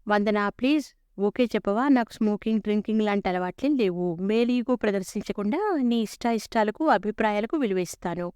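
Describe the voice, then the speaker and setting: A woman's voice: mid-range voice, animated, fairly quick, a little mellow, clean tone, dry recording, studio quality, close to an everyday voice. A woman voicing an earnest young man who eagerly pleads his love in a read-aloud story. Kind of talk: storybook character reading.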